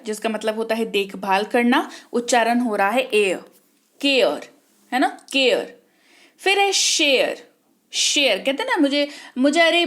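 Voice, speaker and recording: A woman teaches an online spelling lesson, her voice sitting a little high. She spells out words letter by letter and asks the class questions, then answers them herself. She repeats each word slowly. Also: a bit bright. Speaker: English teacher.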